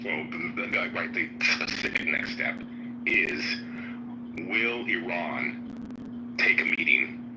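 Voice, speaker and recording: Low-voiced man, emphatic, noisy audio. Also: slow pace, pauses often. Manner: emphatic, checks in with "right?". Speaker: panelist. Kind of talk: informal political commentary. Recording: clearly noisy live audio chat.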